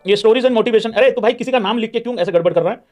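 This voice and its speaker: On a casual livestream, a cricket host with a high voice reads super chats and rants in reply, talking fast in a darkish tone while faint music plays in the background. He's heated, blunt and mocking, calling his viewers brothers.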